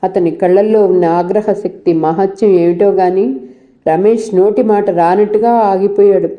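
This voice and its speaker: A woman storyteller reading a novel aloud in steady, scripted narration. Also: medium pitch, normal speed, muffled recording.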